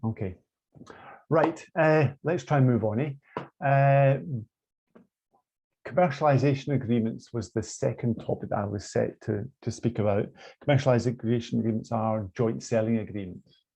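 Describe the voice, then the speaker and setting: A man's voice: medium pitch, moderate pace, gravelly, dark tone. A man with a Scottish accent giving an online lecture on law, hesitant, with many fillers and restarts, heard over a muffled video call.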